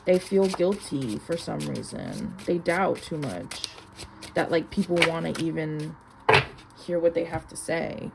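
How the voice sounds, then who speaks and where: Speaking low and unhurried with a sing-song lilt, a young tarot reader rambles through a casual, mystical card reading. She chats informally and says "like" constantly, with noticeable background noise behind her.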